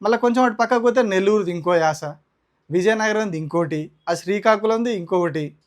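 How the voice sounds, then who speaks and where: Man, Telangana accent, high voice, indignant political commentary, combative rhetorical delivery. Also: a little fast. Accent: Telangana Telugu. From Telangana, India. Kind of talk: heated opinion commentary.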